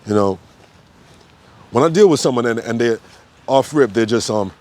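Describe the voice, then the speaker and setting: Guy ranting straight to camera, mid pitch, cussing, repeats himself, loose and unfiltered. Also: animated, moderate pace, darkish tone. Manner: blunt, profane, ranting with sudden emphatic outbursts; loose, repetitive phrasing with frequent fillers. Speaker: yoga teacher and health coach. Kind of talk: unscripted spoken monologue.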